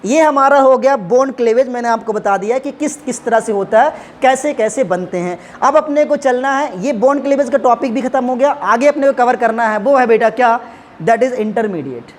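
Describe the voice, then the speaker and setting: Man teaching at a board, high voice, step-by-step explanations, calls students kids, faint background hum. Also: normal speed, hardly any pauses. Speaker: chemistry teacher. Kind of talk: classroom lecture at a board.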